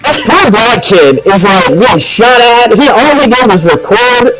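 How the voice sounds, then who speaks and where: A man playing a tabletop game over a headset mic, talking so loudly that his mic clips and distorts. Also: very high-pitched, lively intonation, moderate pace, music in the background. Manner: loud, speaks over others. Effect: loud voice clipping and distorting the mic. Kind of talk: casual game chat over voice call.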